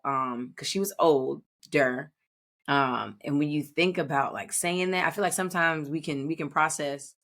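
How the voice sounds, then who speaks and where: A woman's voice: low-pitched, fairly bright tone. Reflective woman in her thirties. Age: 30s. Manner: reflective, rambling with many restarts. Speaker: podcast co-host. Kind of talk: casual podcast chat.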